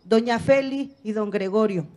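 A woman's voice: on the high side, normal speed, darkish tone. A middle-aged woman, reading a solemn speech at a podium, building her points in rhythmic lists of short phrases. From Mexico. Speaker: activist speaker at a public apology event. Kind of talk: formal speech read from notes. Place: large bright hall, at a podium. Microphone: podium microphone on a stand, filmed from afar.

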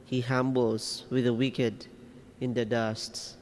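A man reads scripture at Mass in a slow, reverent way, one phrase at a time. His voice sits at a middle pitch. A long cathedral-like echo trails each phrase. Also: flat delivery, darkish tone. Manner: measured, reverent, phrase-by-phrase delivery. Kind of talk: solemn scripture reading. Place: inside a church.

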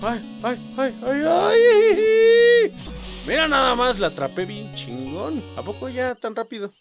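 A man with a Mexican Spanish accent gives joking, excitable let's-play commentary, swearing often. His voice sits fairly high and jumps around in pitch. Game music plays steadily behind him. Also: moderate pace, vocal fry. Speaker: gaming YouTuber.

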